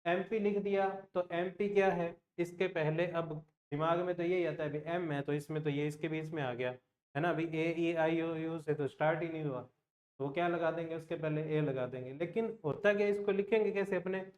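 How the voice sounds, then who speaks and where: A man teaching an exam-prep grammar lesson, asking the class questions and answering them himself, slowing down to sound out example words. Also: on the high side, steady tone, darkish tone, dull audio. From Rajasthan, India.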